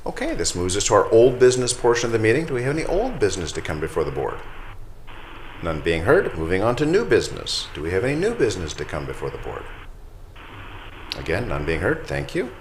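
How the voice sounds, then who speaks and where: A man who is a county commissioner, chairing a public meeting in a brisk, procedural way with a light joking touch. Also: lowish voice, wildly swooping pitch, slight background noise.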